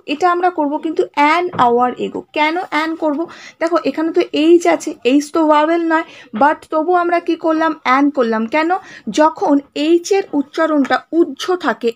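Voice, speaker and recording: A woman teacher with a Bengali accent patiently explains a grammar worksheet, reading examples slowly and checking "right?" after each point. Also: sits high. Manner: patient, checks understanding with frequent "right?" and "okay?"; reads example sentences slowly word by word.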